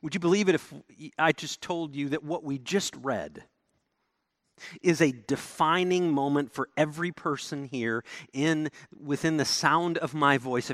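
A man preaching a sermon as pastor, animated, swinging between emphatic declarations and low, quiet lines. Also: dry recording, clean studio sound.

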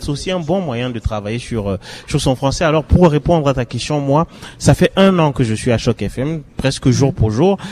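A young man from Cameroon, a radio journalist, moderating a live round-table and calling on students by name in an animated way. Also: medium pitch.

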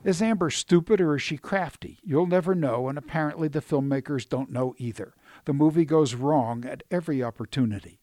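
A man's voice: on the high side, fairly quick, few pauses, a little mellow, no room sound. A man delivering a scripted radio film review in a dry, wry, critical manner.

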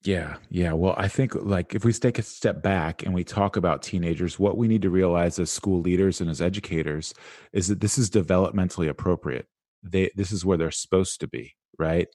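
A man speaking as a podcast guest about teenagers, in a casual, animated way. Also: low-pitched, brisk, no room sound, studio quality. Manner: casual and animated, many "like" fillers. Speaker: guest, school resilience speaker. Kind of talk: conversational interview.

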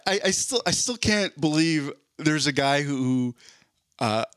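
A man co-hosting a podcast in casual chat, animated and laughing as he riffs on stories. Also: a little high, measured pace, clear, resonant tone, no echo, studio quality. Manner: animated, laughs, acts out quotes. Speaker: podcast co-host.

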